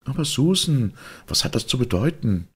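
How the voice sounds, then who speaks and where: A man's voice: medium pitch, very animated, moderate pace, a bit bright, breathy edge, pitched above the performer's own voice, heavily acted. Man doing a fretful old lady. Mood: indignant. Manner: fretful, scolding. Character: indignant elderly lady of the house.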